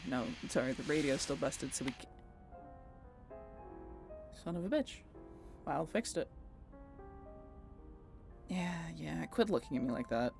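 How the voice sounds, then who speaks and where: A woman voices a century-old vampire, guarded and sardonic, in an intimate audio roleplay, speaking to the listener in a halting, casually profane way. Her voice sits low with vocal fry.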